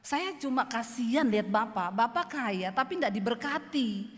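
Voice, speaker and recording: High-voiced woman pastor preaching. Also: moderate pace, long reverb tail. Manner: blunt, animated storytelling. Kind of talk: sermon.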